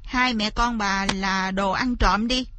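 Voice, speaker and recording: A woman's voice: mid-range voice, steady tone, slow pace, background noise, close to an everyday voice. A sneering, accusing landlord's wife, put on by a woman.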